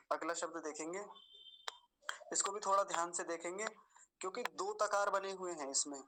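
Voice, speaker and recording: A man patiently teaching mantra pronunciation, slowly repeating and drawing out each word. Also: high voice, pushed and bright, low-quality recording. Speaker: Vedic recitation teacher. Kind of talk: pronunciation lesson.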